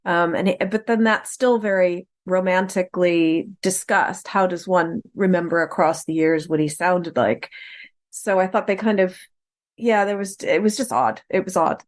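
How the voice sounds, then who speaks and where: A woman chatting in a podcast film discussion, animated and acting out quoted lines, with frequent fillers and restarts. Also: lowish voice, normal speed.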